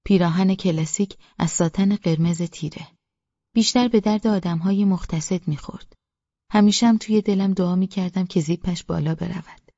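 Dark-toned woman narrating an audiobook. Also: lowish voice, no room sound, highs cut off. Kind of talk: first-person audiobook narration.

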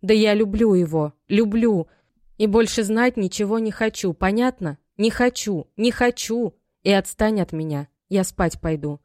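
A woman's voice: on the low side, a little slow, warm tone, no echo, clean studio sound, lightly acted. A woman voicing a stubborn young daughter in love, defiant toward her mother. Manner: defiant, pleading.

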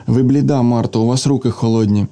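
A man voicing a gentle, hopeful young man who speaks earnestly and tenderly, consoling a girl. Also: medium pitch, fairly even intonation, fast, lightly acted.

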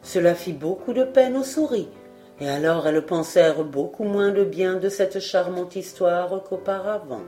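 A woman reading a fairy tale aloud as an audiobook narrator, calm and measured. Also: on the low side, soft background music. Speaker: audiobook reader.

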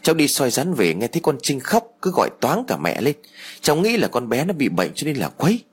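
A man's voice: mid-range voice, huge pitch swings, a little fast, husky, exaggerated voice. A man voicing an earnest village neighbor explaining what he saw.

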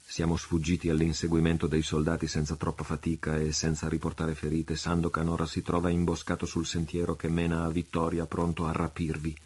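A man playing a bold, loyal male adventurer who speaks in a calm, grave and measured way in an audiobook reading. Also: a bass voice, slightly rough. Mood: grave reassurance.

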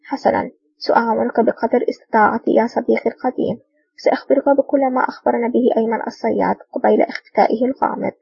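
A woman's voice: on the high side, fairly even intonation, fast, vocal fry, husky, no room sound. A woman reading the part of a courteous, formal older male ambassador, from a dull, distant recording.

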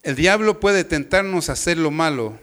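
A man's voice: a little high, lively intonation, normal speed, fairly bright tone. A man preaching an informal sermon in a homely, joking, storytelling way.

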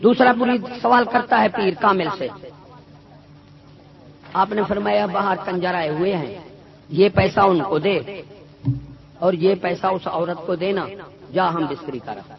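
A man preaching a sermon full of stories, emphatic and swinging between loud and soft. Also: high-pitched, creaky, long pauses. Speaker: Sufi preacher. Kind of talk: sermon with storytelling. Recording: dull lo-fi recording with a loud crowd.

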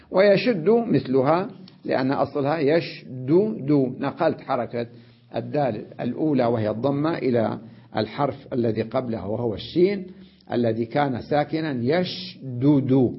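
A man teaching an Arabic grammar lesson, sounding out letters slowly, repeating examples and often checking that the listener follows. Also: medium pitch, breathy edge, muffled recording. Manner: addresses the listener directly with checks like "notice" and "right?".

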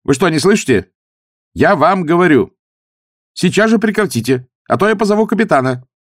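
A man voicing a young ship's officer who speaks loudly and officiously. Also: a little high, lively intonation, a little fast, no echo, studio quality, voice pushed up, close to an everyday voice. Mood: pompous. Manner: loud, officious, then flustered.

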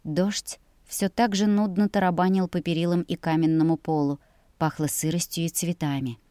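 A woman's voice: on the low side, fairly even intonation, normal speed, warm tone, clean tone, no echo, clean studio sound. A woman reading a first-person fantasy audiobook as narrator, with a dramatic and emotive delivery.

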